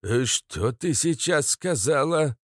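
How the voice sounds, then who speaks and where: A man voicing a creaky, cranky old male healer who slips into loud, slow outbursts. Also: on the low side, lively intonation, dry recording, clean studio sound. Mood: furious. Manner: creaking, ominous, bursts into shouting.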